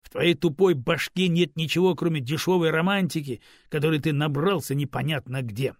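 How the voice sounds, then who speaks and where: Curt, mocking talking stone, gravelly and dry-sounding, as a male narrator puts him on. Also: fairly high pitch, brisk, no room sound, lightly acted. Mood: stern. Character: stern, sarcastic magical talking stone. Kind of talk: audiobook character voice.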